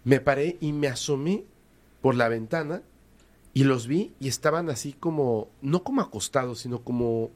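Mexican man, casual animated storyteller, hesitant, repeats himself for emphasis. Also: medium pitch, normal speed. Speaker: guest telling a story.

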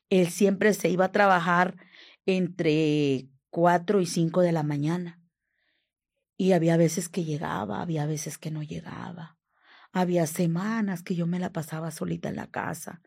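Northern mexican woman telling her story, raspy and low, keeps dropping into whispers. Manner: hushed, often dropping to a whisper, frequent tag questions; halting, with repeated restarts. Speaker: survivor giving testimony. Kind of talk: personal testimony.

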